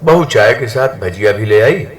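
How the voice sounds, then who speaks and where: A man telling a family story in a slow, measured way, addressing his listeners as friends. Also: on the low side, expressive, a little hiss or hum. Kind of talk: spiritual storytelling.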